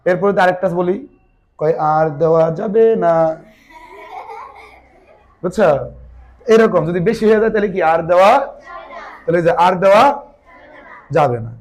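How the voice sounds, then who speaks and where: A man teaching a division lesson to a class, asking his pupils question after question and answering himself, with chiding, teasing asides. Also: high voice. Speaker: math teacher.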